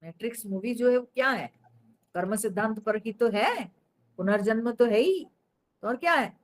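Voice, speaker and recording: A woman's voice: a little high, animated, normal speed. A woman teaching in a spiritual discourse, explaining patiently, asking rhetorical questions and dropping in English phrases.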